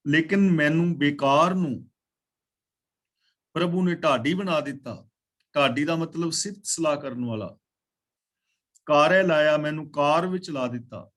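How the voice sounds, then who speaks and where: A man teaching a scripture class, reciting verses slowly and then explaining them in plain talk. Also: a little high, fairly bright tone. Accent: Punjabi. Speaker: katha teacher.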